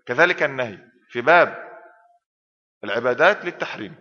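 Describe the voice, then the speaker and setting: Egyptian sheikh quizzing his class quickly. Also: medium pitch, expressive, bright, forceful tone. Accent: Egyptian Arabic. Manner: prompts students with questions and fills in answers. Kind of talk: classroom lesson quizzing students. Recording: reverberant hall, dull lo-fi sound.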